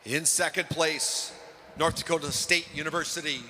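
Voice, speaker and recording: A man making slow, formal meet announcements over a PA system in a large indoor track arena. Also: fairly high pitch, steady tone, sharp tone. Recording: echoey arena PA from far off, background noise.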